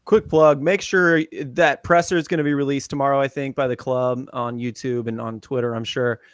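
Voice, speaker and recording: A man co-hosting a casual soccer live stream, chatty and upbeat with quick asides. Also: medium pitch, fairly even intonation, smooth, no room sound, clean studio sound. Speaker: podcast co-host.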